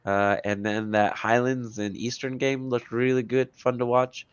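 A man's voice: mid-range voice, level tone, a little slow, clean tone, dry recording, muffled recording. Stuffy-nosed man, congested and nasal. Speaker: podcast co-host, soccer coach. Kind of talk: casual sports discussion.

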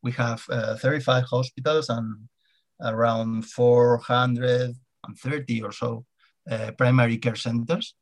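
A man from Spain with a Spanish accent, a native Spanish speaker answering interview questions in halting English with repeated words. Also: mid-range voice, fairly even intonation. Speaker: podcast guest, hospital CIO. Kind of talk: conversational interview.

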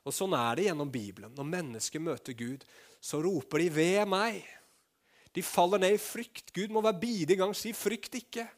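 Animated preacher man, slightly high voice. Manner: animated, swinging between loud bursts and hushed low passages; asks the congregation rhetorical questions. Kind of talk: sermon.

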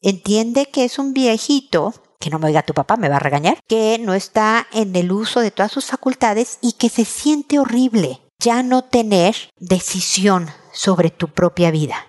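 A middle-aged woman with a Mexican Spanish accent, hosting an advice podcast and talking gently and directly to her listener. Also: medium pitch, lively intonation, normal speed, hardly any pauses. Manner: gentle, conversational, talks straight to the listener. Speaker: advice show host.

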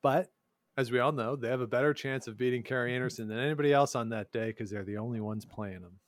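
A man's voice: mid-range voice, fast talker, no room sound, clean studio sound. A man co-hosting a casual sports podcast, talking with wry sarcasm and chuckling asides. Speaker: podcast co-host.

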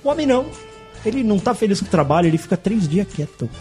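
Brazilian man, high pitch, loud joking banter, faint music behind. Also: fast. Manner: loud, joking, animated storytelling. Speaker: podcast co-host. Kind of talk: casual banter.

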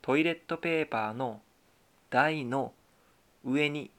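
A man leads a Japanese lesson in a slow, deliberate voice. He lays out each phrase carefully, at an unhurried, steady pace and a middle pitch. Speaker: Japanese teacher. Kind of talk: scripted language lesson.

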